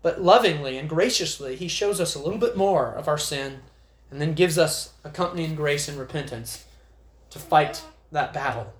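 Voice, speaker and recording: In an echoey chapel, a man with a higher-leaning, animated voice preaches at a moderate pace during a church prayer meeting. He speaks earnestly and grows emphatic whenever he reads scripture aloud.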